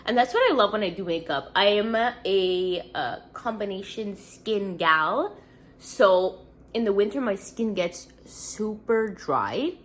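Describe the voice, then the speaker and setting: Speaking slowly at medium pitch, this woman is expressive as she does her makeup in a relaxed get-ready-with-me video. She's a Montreal beauty vlogger around thirty, stuffed up and sniffling, wandering from topic to topic with plenty of fillers.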